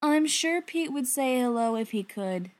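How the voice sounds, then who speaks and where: A woman's voice: sits high, expressive, a little slow, voice pushed up. A woman voicing a smug, mocking male vampire elder in an audiobook reading. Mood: smug taunting.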